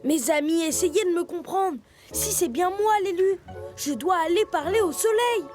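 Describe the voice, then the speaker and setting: A dubbing voice actress gives a brave, stubborn young male leopard cub in a children's cartoon an extremely high voice. She talks earnestly and with determination at a normal speed, with music in the background.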